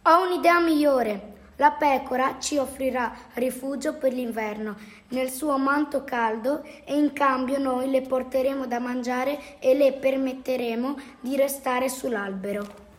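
A woman's voice: high voice, fairly even intonation, unhurried. A woman voicing a wise bird who leads the flock in a storybook reading, speaking confidently and persuasively. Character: wise old bird, calm leader.

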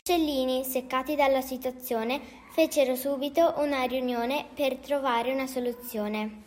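A woman reads a children's story aloud with a gentle, lively manner. Her voice is high. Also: normal speed.

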